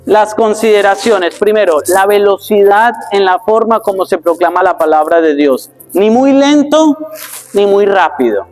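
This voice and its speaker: A priest, teaching a workshop for church readers and often checking in with rhetorical questions. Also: male voice, sits high, animated, unhurried, darkish tone, soft background music. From Colombia. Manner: explanatory, asks the audience rhetorical questions.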